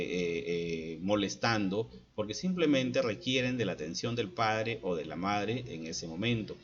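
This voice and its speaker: A man's voice: lowish voice, breathy edge, lo-fi sound. A man giving an instructional talk to parents, posing points as repeated rhetorical questions. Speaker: speaker advising parents.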